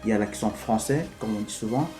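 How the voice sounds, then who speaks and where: A man from Africa talking to camera in a vlog, explaining things in an unhurried, hesitant way. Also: on the low side, warm tone. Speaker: vlogger. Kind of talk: casual explanatory vlog talk. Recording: echoey room with faint music.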